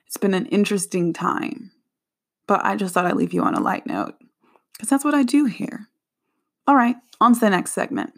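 A young adult woman chats casually as the host of her own show. Her delivery is lively and animated, full of laughing asides. Her voice sits at an ordinary middle pitch for a woman. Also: moderate pace, long pauses. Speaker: podcast host. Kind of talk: casual solo chat.

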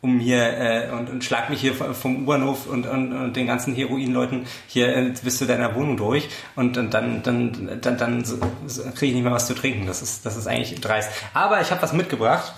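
A young man in his twenties co-hosting a podcast, talking in a rambling, ironic, deadpan way. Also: mid-range voice, brisk, creaky, few pauses, slight background noise. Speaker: podcast co-host. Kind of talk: casual chat. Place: friend's flat. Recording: roomy room sound.

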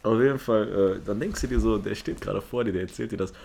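A young man with a lowish voice who talks fast. He chats casually in slang and keeps cutting in on his friend, with faint noise in the background. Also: vocal fry, a little mellow. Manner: rapid slangy chatter, jumps in and finishes the other's words. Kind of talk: casual chat.

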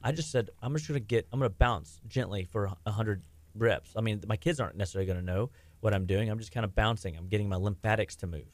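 In a relaxed podcast conversation, a middle-aged health practitioner talks fast in a lowish voice. His speech meanders, full of fillers and restarted sentences.

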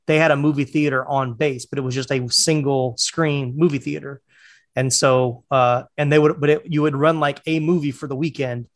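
A man's voice: mid-range voice, fairly even intonation, moderate pace, no room sound, clean studio sound. A man in his forties from North Carolina, chatty in casual podcast talk, who laughs easily. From North Carolina, USA. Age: 40s.

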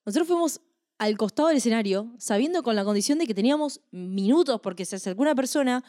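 A woman's voice: on the high side, lively intonation, quick pace, warm tone, dry recording, studio quality. Argentine woman chatting casually. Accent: Argentine Spanish. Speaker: event photographer. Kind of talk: casual chat.

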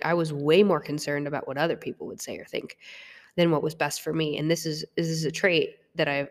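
A woman's voice: sits low, in a large hall. A young woman, a fitness coach, talking frankly and confessionally about herself, swearing freely and often restarting her sentences. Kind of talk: candid personal monologue.

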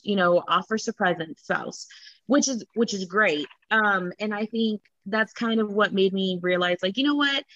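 A woman's voice: mid-range voice, fairly bright tone, dry recording, highs cut off. A young woman, a podcast guest, talking casually with many fillers. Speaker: spouses club president, guest.

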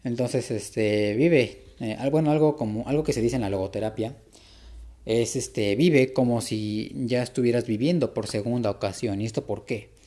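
A man giving an informal, reflective spoken lecture to the listener, unhurried, with frequent filler words and restarts. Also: medium pitch, dark tone. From Latin America. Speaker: speaker giving a talk on psychology.

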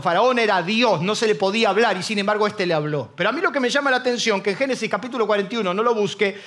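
A middle-aged man with a Rioplatense Spanish accent preaching a sermon as pastor, lively and acting out the voices of people he quotes. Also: high-pitched.

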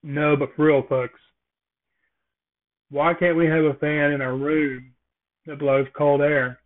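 A man's voice: fairly high pitch, level tone, slow pace. A man hosting a casual solo podcast, rambling through jokey observational musings. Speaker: podcast host. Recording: tinny phone-like sound.

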